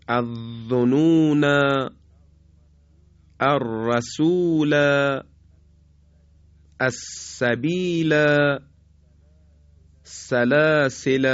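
Male radio recitation teacher, measured and hesitant, draws out example words, mid-pitched, dry studio sound. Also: dry recording, dull audio. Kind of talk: radio lesson.

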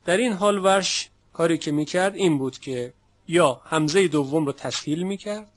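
A man teaching Quran recitation in a lecture, explaining patiently and slowing down to demonstrate how sounds are pronounced. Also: fairly high pitch. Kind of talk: classroom lecture.

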